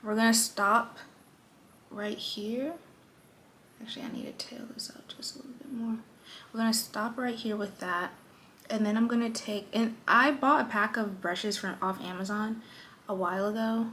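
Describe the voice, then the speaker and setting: Fairly high-pitched and a bit bright, her steady voice moves at a moderate pace over a slight hiss or hum. She's a young lifestyle vlogger playfully chatting through her everyday makeup at her vanity, adding joking asides in this casual tutorial.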